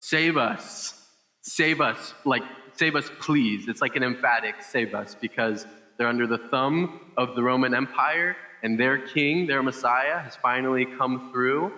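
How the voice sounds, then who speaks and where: A man's voice: mid-range voice, normal speed, pushed and bright, long reverb tail, highs cut off. A man preaching a casual Sunday sermon on a microphone, chatty and loose, with many fillers and restarts. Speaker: pastor. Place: church service.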